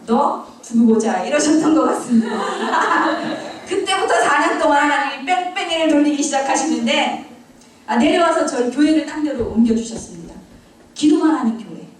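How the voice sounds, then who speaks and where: A woman's voice: high-pitched, lively intonation, moderate pace, slight background noise. A middle-aged woman, a church deaconess, giving her testimony with humor, mocking herself and laughing often. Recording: very echoey hall, mic far off.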